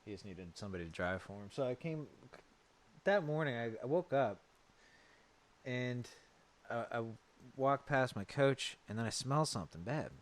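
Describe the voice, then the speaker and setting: A man's voice: mid-range voice, animated, moderate pace, pauses often. A man in a casual podcast chat with a mid-range voice. He talks in a laid-back way, swears often and laughs easily while he tells his story. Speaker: podcast co-host.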